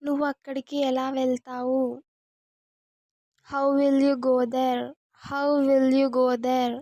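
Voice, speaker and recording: A woman, teaching English as a language lesson, saying each sentence twice in a slow, deliberate way. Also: high voice, completely flat delivery, warm tone, no echo.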